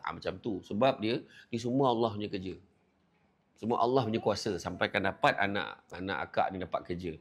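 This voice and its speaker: A man with a Malaysian Malay accent giving a lively religious lecture, acting out the people in his stories. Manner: animated, acts out quoted voices, jumps high in pitch for emphasis. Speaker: preacher.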